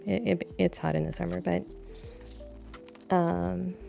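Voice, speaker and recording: A woman's voice: lowish voice, level tone, slow pace, vocal fry, warm tone. A young woman streaming from her balcony, chatting in a rambling, self-deprecating way as she plants seeds. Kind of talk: casual chat. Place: home balcony. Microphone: desk mic, braids brushing it. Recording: dull lo-fi sound with faint music.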